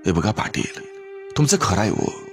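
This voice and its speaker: A man's voice: lowish voice, sing-song, normal speed, faint music behind. A man voicing a middle-aged village uncle who reasons and questions. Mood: questioning.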